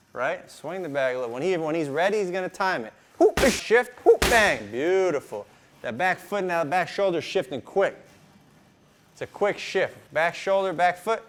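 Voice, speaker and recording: Male boxing coach over clear background noise. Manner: punctuates talk with vocal punch sounds like whoop, bang, boom; repetitive, informal phrasing with frequent 'right?' tags. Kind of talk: hands-on drill instruction with live commentary. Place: boxing gym.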